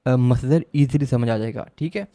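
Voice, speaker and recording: A man teaching a grammar lecture for a law admission test, asking questions and answering them himself and repeating each definition slowly. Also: medium pitch, dark tone, no room sound, clean studio sound.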